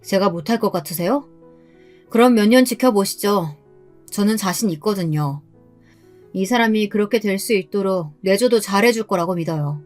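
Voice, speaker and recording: A woman's voice: fairly high pitch, expressive, a little fast, faint music behind, lightly acted. A woman voicing a composed, self-assured young husband in a storybook narration. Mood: calm assured. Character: calm confident rich young husband.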